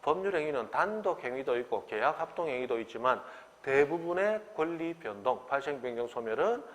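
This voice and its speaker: A man's voice: mid-range voice, brisk, in a large hall. A middle-aged man, giving an exam-prep law lecture and asking the class rhetorical questions. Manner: animated, acts out quoted dialogue, rhetorical questions.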